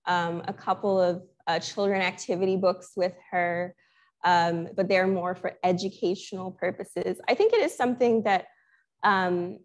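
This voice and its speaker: A woman's voice: fairly low pitch, steady tone, normal speed. Thoughtful young woman artist, from Sri Lanka. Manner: reflective, thoughtful, many restarts and fillers. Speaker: guest artist. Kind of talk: conversational Q&A talk.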